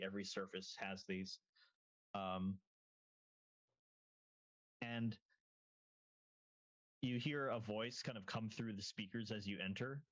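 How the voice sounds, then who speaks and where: Halting man narrating a tabletop game. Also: fairly low pitch, lo-fi sound. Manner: halting, many ums and restarts. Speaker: game master.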